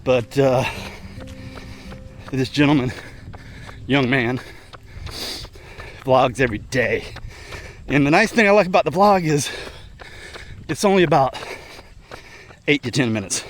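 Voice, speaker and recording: A middle-aged man chatting casually and ramblingly to his vlog while running, in short broken phrases with pauses. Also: medium pitch, lively intonation, slight background noise. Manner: talking while running, slightly effortful. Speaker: vlogger. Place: outdoors, on the move.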